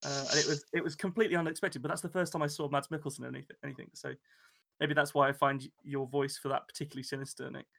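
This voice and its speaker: A man co-hosting a podcast, chatting casually and halting often, with many restarts and filler words. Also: fairly high pitch, level tone, vocal fry, fairly bright tone. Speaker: podcast co-host. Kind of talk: casual chat.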